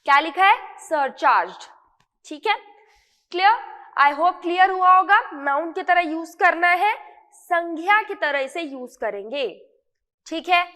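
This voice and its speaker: A woman's voice: very high voice, expressive, a little slow, sharp tone, long reverb tail. A woman teaching English vocabulary in an explanatory lesson, mixing Hindi and English and asking and answering her own questions.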